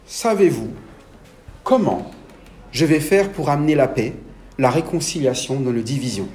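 Male preacher, French accent, lively pitch, sermon delivery with questions to the listeners, reverberant hall. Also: normal speed. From France. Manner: animated, asks the congregation questions.

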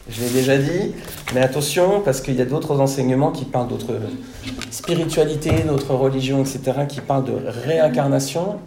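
Mellow-voiced man preaching in an echoey hall. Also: a little high, a little hiss or hum. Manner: didactic, repeats "d'accord?" to check understanding. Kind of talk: sermon. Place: church hall.

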